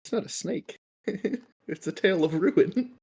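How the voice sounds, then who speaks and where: A man's voice: sits high, animated, measured pace, darkish tone, a little hiss or hum. A man playing a tabletop role-playing game, talking in casual, bantering chat.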